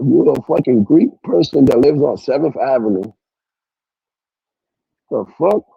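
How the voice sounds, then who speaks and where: Gravelly, husky New man ranting. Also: medium pitch, dry recording, muffled recording. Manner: profane, confrontational, repetitive. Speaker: live stream host. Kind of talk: heated livestream rant. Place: at work.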